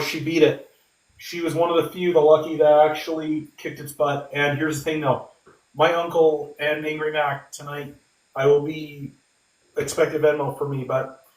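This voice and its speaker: A man hosting a casual livestream giveaway, talking emphatically, repeating himself and addressing his audience as guys. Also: fairly high pitch. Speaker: podcast host. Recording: echoey room, distant microphone.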